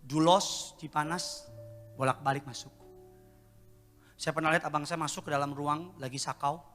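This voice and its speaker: A man in his fifties preaching a sermon at a live church service, swinging between loud, impassioned outbursts and hushed, slow stretches. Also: a little high, fairly even intonation. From Indonesia. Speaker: pastor. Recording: live church recording with long reverb and music behind.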